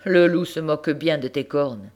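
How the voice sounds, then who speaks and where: A woman's voice: low voice, normal speed, a little mellow, close to an everyday voice. A woman reading aloud, voicing a worried old farmer who exclaims anxiously at his goat.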